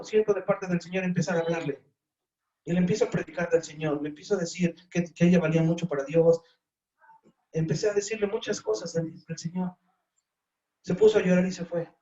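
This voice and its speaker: A man preaching a sermon as pastor, fervent, rising to high emphatic peaks. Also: warm tone. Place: church. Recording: roomy, dull church sound.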